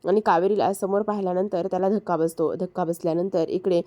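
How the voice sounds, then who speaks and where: A woman casually retelling a TV serial episode, repeating herself often and pausing with hesitant fillers. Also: fairly low pitch, fairly even intonation, warm tone. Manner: repetitive storytelling with frequent hesitation fillers. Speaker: serial recap narrator.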